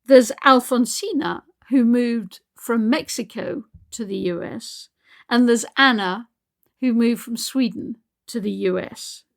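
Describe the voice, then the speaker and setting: A woman's voice: a little high, slow pace, gravelly. A woman hosting a podcast as expedition leader, speaking reflectively with frequent restarts. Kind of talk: podcast narration.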